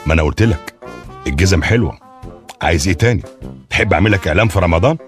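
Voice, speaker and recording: An actor playing a mocking, teasing police detective in a comic radio drama, with an Egyptian Arabic accent. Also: male voice, low voice, animated, very fast, soft background music. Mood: sarcastic. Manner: mocking, sarcastic banter. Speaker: police officer.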